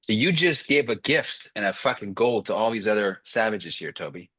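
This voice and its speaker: A man's voice: on the low side, lively intonation, a bit bright, slightly rough, no echo. Blunt, profane male sales coach. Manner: blunt, profane, rapid-fire commands. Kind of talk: live group coaching call.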